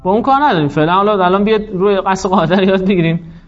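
Male teacher, fairly high voice, patient step-by-step grammar lecture, slightly muffled recording. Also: steady tone. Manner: explains step by step, asks and answers his own questions.

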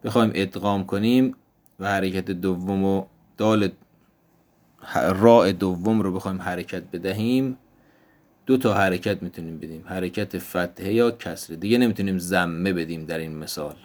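A man teaching an Arabic grammar lesson, explaining step by step and repeating each example word slowly. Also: low-pitched, a little mellow. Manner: slow, deliberate explanation, repeating example words.

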